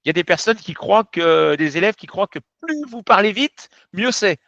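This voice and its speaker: A man's voice: high voice, expressive, normal speed, gravelly, a bit bright, dry recording. A man teaching as a French teacher, giving an explanatory lesson in a direct, emphatic way that speaks straight to viewers. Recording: dull, slightly muffled sound.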